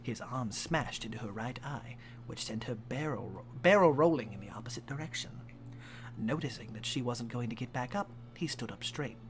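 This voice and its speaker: In this rough recording, a man with an expressive, mid-range voice reads fan fiction at a moderate pace for his live stream. He's young and plays it for laughs, dropping curses and chuckling asides into the dramatic reading from his home streaming setup.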